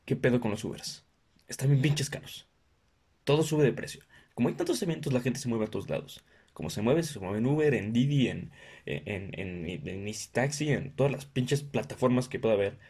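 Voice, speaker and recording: A young Mexican podcast host with a mid-range, slightly rough voice delivers a casual comedic monologue in Mexican Spanish. He rants, swears a lot, and does exaggerated impressions of other people.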